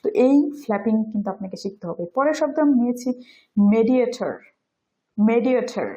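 A woman whose first language is Bengali, teaching English pronunciation in a video lesson and saying example words slowly. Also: on the high side, dark tone, poor audio. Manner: explains step by step, demonstrates English words slowly.

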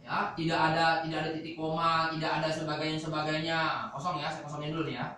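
A man's voice: a little high, level tone, fast talker, bright, forceful tone. A male Quran teacher giving a classroom lecture, explaining step by step and asking the class questions. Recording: echoey hall, voice from far off.

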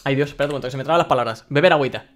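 A young man with a Spain Spanish accent streaming a game live and reading chat aloud, excitable, laughing often and stumbling over his words. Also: mid-range voice, rapid-fire.

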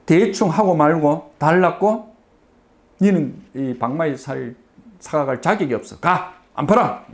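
A man's voice: a little high, a little mellow, pitched above the performer's own voice. A man voicing a grumpy, proud old male craftsman with a Gyeongsang dialect accent, who scolds with indignant outbursts.

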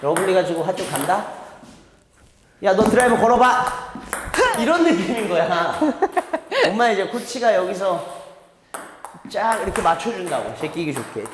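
Speaking at normal speed in an expressive, high-sitting voice, a man demonstrates table tennis strokes hands-on, chatting animatedly and laughing now and then. It's recorded in a big indoor table tennis hall that echoes, with balls clicking and other background noise.

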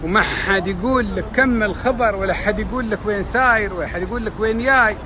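A man's voice: high voice, fast talker, a crowd in the background, background noise. A middle-aged man with a Gulf Arabic accent, chatting and teasing as a travel vlogger. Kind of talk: casual vlog narration.

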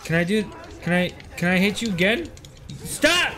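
A young man playing a video game while drunk, swearing, yelling at enemies and chatting with a friend. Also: high voice, a little fast, crowd noise. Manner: loud, profane outbursts at the game. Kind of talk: casual gaming banter.

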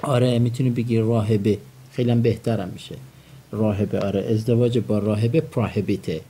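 A man's voice: on the low side, steady tone, dark tone, a little hiss or hum. A man teaching English vocabulary, quizzing his students and having them repeat each word back. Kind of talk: vocabulary lesson with call and response drills.

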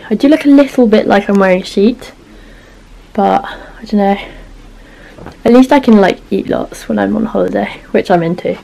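Chatty British woman with a gravelly voice. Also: medium pitch, warm tone, low-quality recording. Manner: chatty, self-mocking, trails off with "um" and "but yeah". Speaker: vlogger showing a clothing haul. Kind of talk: casual chat to camera. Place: at home trying on clothes in front of a mirror.

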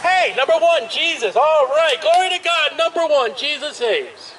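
At a busy outdoor street festival, a street preacher with an extremely high-pitched, expressive voice preaches through a portable speaker. Heard from far off amid ambient noise, he is loud and emphatic, hammering out long, drawn-out phrases.

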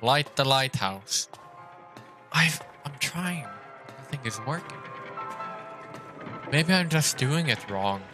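A man's voice: a little high, animated, slow pace, long pauses, sharp tone. A young man commenting on his gameplay live from a small room, rambling and confused, stumbling over repeated words. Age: young adult. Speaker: streamer. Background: game music.

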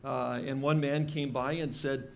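A pastor in his fifties preaching a verse-by-verse sermon from a church lectern, conversational, with frequent pauses and restarts. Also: mid-range voice, little pitch movement, vocal fry, a little hiss or hum. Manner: conversational, many fillers and restarts. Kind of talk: expository sermon. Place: church stage with drum kit behind.

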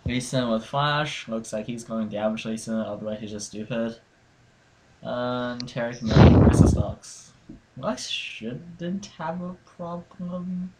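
A man's voice: lowish voice, fairly even intonation, measured pace, very noisy. Young man in casual gaming chat. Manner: laughing, swears casually. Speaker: gamer playing and commentating.

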